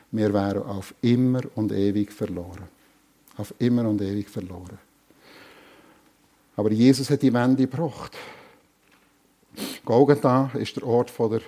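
A man's voice: mid-range voice, dark tone. A man preaching a sermon earnestly, repeating key phrases for emphasis.

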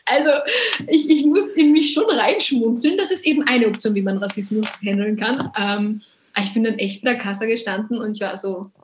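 A woman with an Austrian German accent, a podcast guest telling stories in a lively, sarcastic way and slipping into English phrases. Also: a little high, moderate pace, roomy sound, slight background noise. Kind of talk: candid podcast conversation.

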